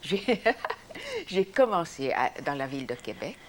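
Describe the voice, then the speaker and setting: Lively older woman with a French accent. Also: low-pitched, unhurried, slight background noise. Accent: European French. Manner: spontaneous, animated storytelling with restarts. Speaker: interviewee, former TV host. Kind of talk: reminiscing interview.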